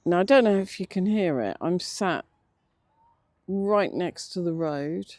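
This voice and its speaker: Older English casual vlogger, medium pitch, relaxed timbre, slightly toothless diction, reflective and hesitant. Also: no room sound. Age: middle-aged or older. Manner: slightly slurred toothless speech, stumbles on words; hesitant, reflective, with many pauses. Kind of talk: casual unscripted vlog narration. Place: outdoors, sitting in a cemetery beside a road.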